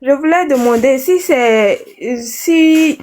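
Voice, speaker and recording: A woman's voice: high voice, slow pace, darkish tone. A woman calling in for advice, giving a rambling personal account in a hesitant way. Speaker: caller seeking advice.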